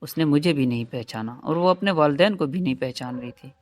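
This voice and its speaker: A man's voice: fairly high pitch, no echo. A man reading a first-person love story aloud, with an earnest, emotional delivery.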